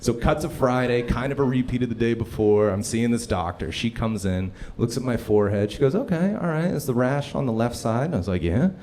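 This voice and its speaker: A man doing a stand-up comedy set on a club stage, telling a story and acting out the voices of the people in it. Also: medium pitch. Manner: animated storytelling, acts out voices.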